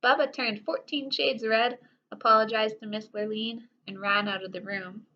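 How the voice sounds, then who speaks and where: Her voice sits a little high as she reads a children's tale at a moderate pace, performing it with expression and pausing for animated, playful asides to the kids listening. Faint background noise underlies a dull-sounding recording.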